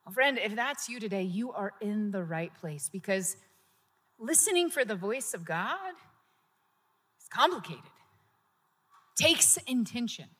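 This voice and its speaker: A woman's voice: medium pitch, animated, unhurried, long pauses, bright, forceful tone, husky. A woman pastor preaching a sermon in a conversational style, building to emphatic points. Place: church sanctuary. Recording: long hall reverb.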